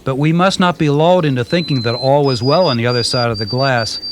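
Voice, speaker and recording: Man narrating from a worn VHS tape. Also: medium pitch. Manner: calm, measured, gently descriptive. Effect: worn VHS tape copy with faint hiss. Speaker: narrator and host of a backyard birding video. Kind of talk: scripted documentary narration.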